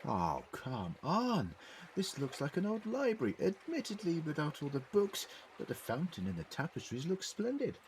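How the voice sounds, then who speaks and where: A man's voice: fairly high pitch, wildly swooping pitch, moderate pace, a little hiss or hum. A man acting in an audio drama as a courteous, eccentric alien scientist who travels in time, speaking in a wordy, politely formal, theatrical way. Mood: admiring, puzzled.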